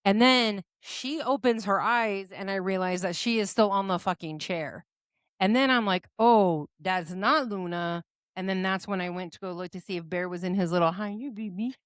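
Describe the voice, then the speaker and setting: Lively woman podcast co-host, dry mic. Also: mid-range voice, smooth, no echo. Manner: animated, quick to exclaim and protest. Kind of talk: casual chat.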